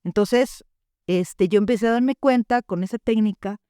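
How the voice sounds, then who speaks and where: A woman's voice: mid-range voice, moderate pace, no room sound, studio quality. A middle-aged woman, a therapist telling stories casually and acting out the dialogue she quotes. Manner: animated, acts out quoted dialogue. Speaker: therapist guest. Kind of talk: casual storytelling.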